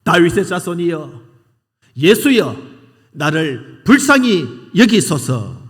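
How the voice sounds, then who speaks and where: A blind beggar cries out for pity, loud and urgent, as a preacher acts him out in his sermon. His pleas ring through a reverberant church hall. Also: medium pitch, big pitch swings, unhurried. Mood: pleading. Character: blind male beggar pleading desperately.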